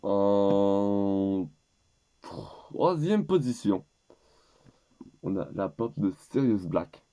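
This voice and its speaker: A teenage boy, stuffed up with a head cold, presents gift picks in a casual YouTube vlog, rambling hesitantly with many restarts. The male voice is fairly low-pitched, very slow, and dark in tone.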